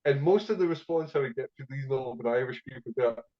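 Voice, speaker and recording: Speaking fast at a medium pitch, a Scottish-accented man rambles through stories as a podcast guest, cursing freely and leaning on fillers. The recording sounds muffled, and the talk is a casual storytelling interview.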